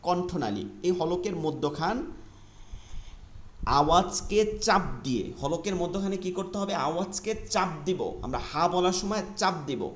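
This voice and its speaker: A man's voice: high-pitched, animated, normal speed. Patient male Quran teacher, echoey room. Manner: patient, repeats letter sounds many times for learners to copy. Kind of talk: online class lesson.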